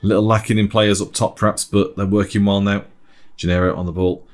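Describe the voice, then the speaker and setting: A man giving relaxed, chatty commentary over an amateur football match, often laughing. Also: on the low side, a little fast.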